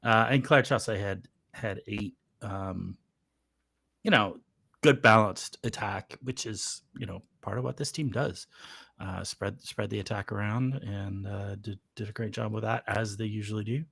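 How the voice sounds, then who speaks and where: A man co-hosting a sports podcast who gives thoughtful, halting analysis of a volleyball match. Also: lowish voice, vocal fry, sharp tone, slightly rough, no room sound. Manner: thoughtful, hesitant with fillers. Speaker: podcast co-host.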